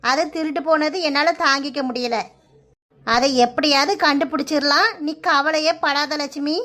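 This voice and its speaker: A woman's voice: high voice, fairly even intonation, moderate pace, sharp tone. A woman voicing a kindly older village woman in a cartoon, reassuring in a Kanyakumari Tamil accent. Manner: soothing, reassuring.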